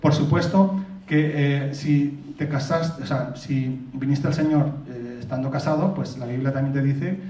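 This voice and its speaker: Spanish pastor preaching in an echoey church. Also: male voice, mid-range voice, a little slow, dark tone. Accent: Peninsular Spanish. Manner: earnest and explanatory, asks the congregation if they follow. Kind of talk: sermon. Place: church hall. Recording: roomy, distant, dull lo-fi church recording.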